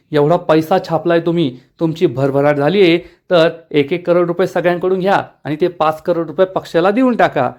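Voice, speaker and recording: A man's voice: fairly high pitch, a little mellow, natural voice. Man reading as a ruthless village matriarch. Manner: defiant, threatening. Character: scheming, ruthless middle-aged village matriarch.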